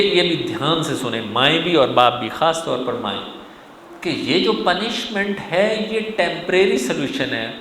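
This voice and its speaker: A man's voice: fairly high pitch, fairly bright tone. A man giving a sermon-style parenting lecture, talking animatedly and putting frequent questions to his audience. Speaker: religious lecturer. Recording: echoey hall with faint room noise.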